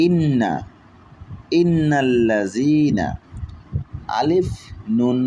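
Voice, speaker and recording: A man gives a Quran reading lesson at a very slow, deliberate pace, sounding out each letter and vowel mark one at a time before he joins them into a full word. His voice sits at an ordinary middle pitch. Faint traffic noise runs behind him. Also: mellow, rough recording. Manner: spells out each syllable slowly, then reads the word whole. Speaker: Quran teacher.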